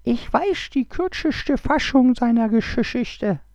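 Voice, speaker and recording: A man voicing a female snake in a storybook reading, with a lisping, hissing, whispery voice and a drawn-out delivery. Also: very high-pitched, expressive, gravelly, a little mellow, no room sound, lo-fi sound, voice pushed up, exaggerated voice. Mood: knowing.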